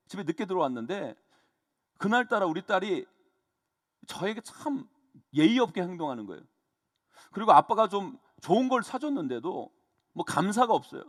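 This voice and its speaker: A middle-aged man preaching a sermon as pastor, emphatic and often addressing the congregation directly, swinging from loud exclamations to soft confiding asides. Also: sits high.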